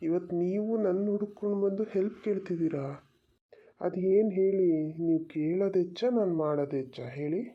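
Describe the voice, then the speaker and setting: An eager, lovestruck young man in a cartoon, played by a woman, rushing his words in excited bursts. The voice is low-set and husky, and the recording sounds dull and lo-fi. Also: natural voice. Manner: quick, excited pleading. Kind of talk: cartoon voice acting.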